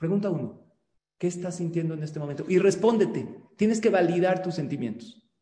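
A man, a rabbi, giving a religious class over a video call in an animated teaching manner, often asking his listeners questions. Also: high voice, brisk. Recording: echoey room with long reverb.

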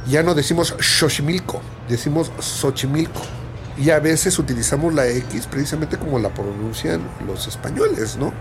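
A man's voice: a little high, expressive, normal speed, few pauses, background noise. A man with a Mexican accent talking in a casual monologue, musing and restarting phrases as he goes. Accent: Mexican Spanish.

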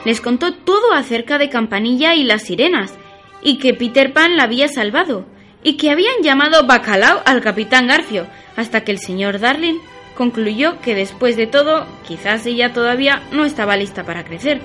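A woman narrating a children's story on the radio in a lively, expressive way. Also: fairly high pitch, moderate pace, soft background music.

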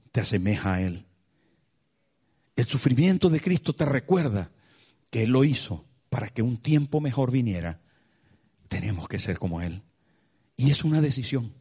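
A man preaching a sermon as a pastor, impassioned, with soaring pitch and drawn-out words. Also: a little mellow, husky. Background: music.

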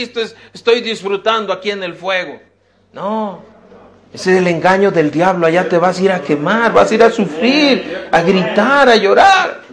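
A man's voice: sits high, fairly bright tone. A man, a pastor, preaching a sermon to young people in a church, emphatic and full of repeated rhetorical questions. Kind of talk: sermon to youth.

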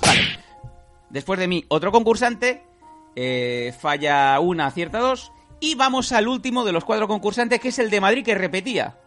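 Brief: man, bright, forceful voice, animated storyteller over faint music. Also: high voice, normal speed. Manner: animated storyteller who acts out quoted people and swears freely. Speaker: guest storyteller. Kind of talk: casual podcast chat.

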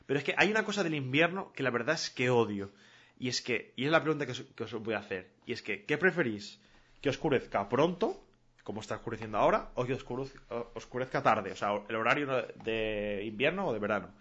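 A man's voice: mid-range voice, animated, fast, fairly bright tone, husky. Casual, slangy Spanish man streaming. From Mallorca. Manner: casual, slangy, laughs a lot. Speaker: streamer host. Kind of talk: casual chat with chat questions. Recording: dull lo-fi stream audio.

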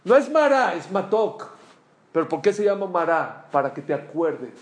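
A man who tells a teaching story in a sermon, animated and swinging between loud and hushed. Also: a little high, moderate pace. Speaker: religious teacher.

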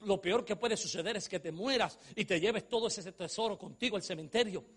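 A man preaching a sermon, swinging from hushed storytelling to shouting and joking with his audience. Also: high-pitched, a little fast, breathy edge.

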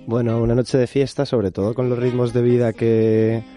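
A man's voice: mid-range voice, level tone, moderate pace, warm tone, soft background music. A man, an anthropology student, giving thoughtful radio interview answers while searching for words.

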